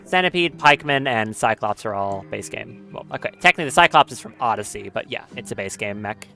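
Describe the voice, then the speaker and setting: A man streaming a game and talking through it live. His commentary is casual and a little nervous, sprinkled with swearing. Faint game music plays softly behind his voice. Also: fairly low pitch, lively intonation, a little fast, creaky.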